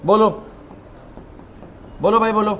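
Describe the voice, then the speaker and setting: Male teacher, high voice, scolds and prods a classroom of students. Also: steady tone, takes it slowly, crowd noise. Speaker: chemistry teacher.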